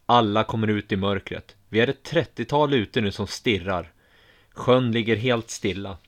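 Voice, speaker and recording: A man narrating a first-person audiobook story in a calm, measured way. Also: lowish voice.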